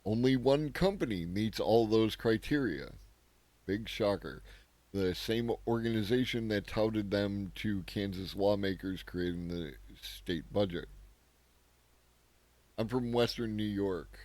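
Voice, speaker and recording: A man with a low, deep voice hosts a casual news commentary, musing aloud in a loose, sarcastic way. He keeps checking in with the listener through quick tag questions. The sound is dry and close, with no room echo. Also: darkish tone. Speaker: host of a daily news commentary show.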